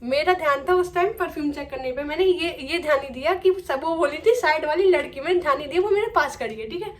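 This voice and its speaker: High-voiced chatty young woman vlogger. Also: fast talker. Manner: chatty, peppers speech with "okay". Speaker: family vlogger. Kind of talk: casual chat, cooking then storytime. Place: home, kitchen then indoors.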